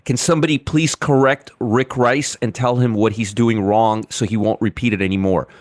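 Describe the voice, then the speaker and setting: A man's voice: on the low side, fairly even intonation, normal speed, no room sound, studio quality. A middle-aged man hosting a live trading show, giving market commentary and answering chat viewers by name, often repeating himself.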